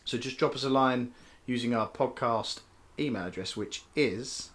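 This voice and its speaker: A man's voice: mid-range voice, moderate pace, fairly bright tone. A man co-hosting a casual sports podcast, chatty and self-mocking with many fillers. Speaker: podcast co-host.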